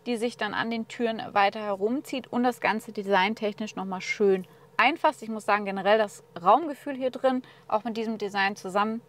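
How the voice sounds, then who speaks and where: A woman's voice: mid-range voice, fairly quick, fairly bright tone. A woman presenting a car walkthrough from inside the car, talking to viewers in a chatty, upbeat way. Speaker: car reviewer.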